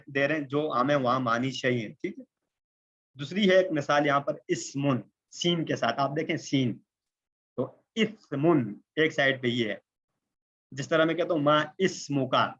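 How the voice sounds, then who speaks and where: A man from Pakistan teaching a tajweed lesson, explaining step by step, checking in with the listener often and slowing down for Arabic terms. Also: fairly high pitch, fairly bright tone. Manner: explanatory, repeats points with "ٹھیک ہے" checks; slows down for Arabic terms and examples. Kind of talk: recorded Quran recitation lesson. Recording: slightly dull lo-fi recording.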